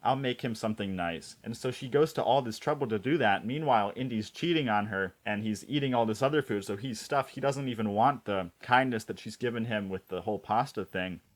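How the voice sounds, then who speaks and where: Low-voiced man in thoughtful chat. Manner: thoughtful, measured, uses fillers like um. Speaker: podcast co-host. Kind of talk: casual chat about a TV episode.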